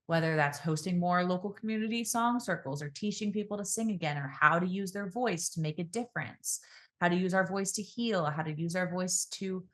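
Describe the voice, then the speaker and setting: Calm and reflective, a woman speaks as a podcast guest and speaking coach. When demonstrating, she slows down and varies her voice's pitch and pace.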